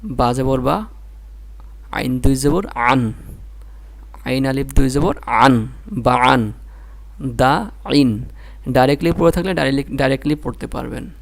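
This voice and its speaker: A man's voice: medium pitch, normal speed, vocal fry, pauses often. A man with a Bangladeshi Bengali accent teaching Quran reading, spelling out syllables one by one and repeating them patiently. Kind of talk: slow spelled-out recitation lesson.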